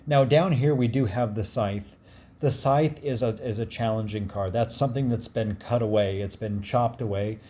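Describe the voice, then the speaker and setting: A man with a gruff voice explaining a card reading in a casual, reassuring and encouraging way. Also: mid-range voice, mellow, a little hiss or hum. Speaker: card reader.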